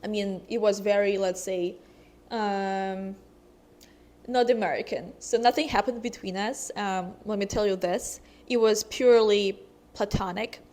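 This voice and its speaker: A woman's voice: medium pitch, fairly even intonation, unhurried, a little mellow. A young woman from Russia, a vlogger chatting casually to camera, hesitant and full of ums.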